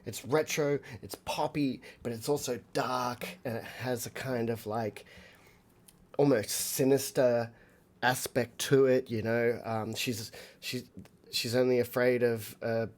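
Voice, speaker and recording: A man's voice: medium pitch, steady tone, unhurried. An Australian man, a musician streaming a live album reaction, rambling with many fillers and talking to his viewers.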